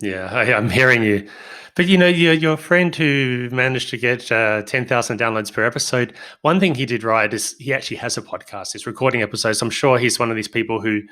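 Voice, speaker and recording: A man's voice: mid-range voice, brisk, bright, forceful tone. A man with a New Zealand accent hosting a podcast interview, friendly and direct with his questions. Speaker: podcast host. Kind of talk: casual interview conversation.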